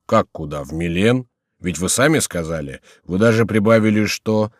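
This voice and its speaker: A man's voice: low-pitched, animated, normal speed, no echo, clean studio sound. A man voicing a cowardly monk who whines and complains, out of breath. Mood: plaintive. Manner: whining, complaining. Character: plaintive, cowardly monk on a donkey.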